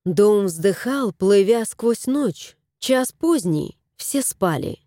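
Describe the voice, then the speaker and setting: A woman narrating a storybook in an expressive, lilting reading voice. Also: medium pitch, slow pace, no room sound, studio quality.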